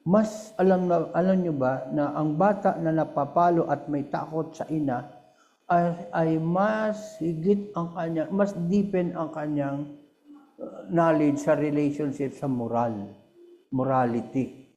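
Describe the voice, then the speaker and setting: A man's voice: on the high side, a little slow, warm tone, lo-fi sound. An older man with a Filipino accent, a missionary preacher giving a short earnest devotion, switching often between Tagalog and English.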